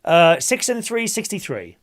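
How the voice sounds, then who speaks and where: A man's voice: sits high, very animated, unhurried. A man working as a bingo caller, reading out numbers in a sing-song, jokey showman manner and chatting chummily to the players. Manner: chummy, addresses players as gang and my loves. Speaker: bingo caller, host of an online bingo night. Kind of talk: bingo calling with number rhymes and banter.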